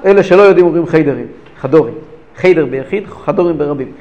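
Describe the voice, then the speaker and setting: A man teaching a religious lesson who tells stories with animated, repeated phrases for emphasis. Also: on the high side, muffled recording. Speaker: rabbi teacher. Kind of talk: lesson storytelling.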